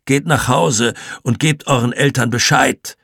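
A man's voice: medium pitch, slow, gravelly, no room sound, clean studio sound, voice pushed up. A man voicing a shaken grown man who speaks with sudden force in an audiobook. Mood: commanding. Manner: commanding.

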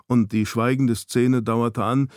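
A man's voice: mid-range voice, little pitch movement, slow, a little mellow, dry recording. Man reading a novel, dry close sound. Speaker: narrator.

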